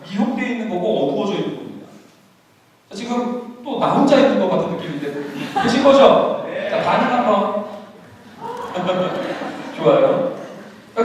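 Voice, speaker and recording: A man preaching a sermon at a youth retreat, acting out the grumbling of churchgoers in a lively way. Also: very high voice. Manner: animated, acts out churchgoers' grumbling lines. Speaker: pastor. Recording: echoey hall from far off.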